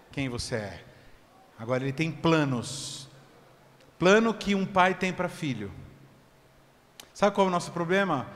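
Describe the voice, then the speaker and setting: A man preaching a sermon as pastor, swinging from loud, stretched shouts to low, quick asides. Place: church hall. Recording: long church reverb, faint background noise.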